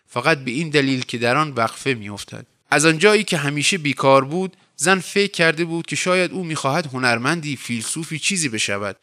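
A man narrating a translated short story in a measured literary reading. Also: a little high, pushed and bright. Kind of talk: scripted audiobook narration.

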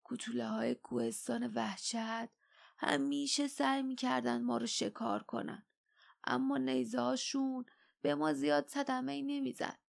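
A woman voicing an old, grave and weary giant creature elder in an audiobook, speaking low and hushed. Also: expressive, creaky. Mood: somber. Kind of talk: audiobook character voice.

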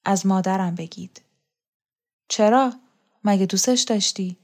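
A woman's voice: medium pitch, close to an everyday voice. An earnest, searching young man, read by a woman. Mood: questioning. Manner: questioning, earnest.

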